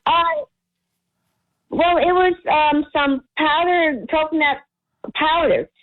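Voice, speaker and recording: Slightly harsh, high-voiced woman on a phone line. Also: takes it slowly. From United States. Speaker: radio phone-in caller. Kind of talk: casual chat. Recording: tinny phone line on radio.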